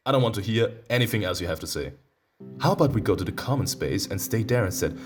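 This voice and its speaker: Reading a visual novel out loud, a man with a lowish voice moves at a quick pace. He hosts it as a let's-play, dropping in playful, animated reactions over background guitar.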